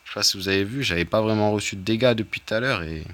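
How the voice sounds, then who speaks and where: A man's voice: on the low side, racing, fairly bright tone. A man giving casual, rambling gameplay commentary, full of fillers, swearing and jokey asides. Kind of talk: casual let's play commentary.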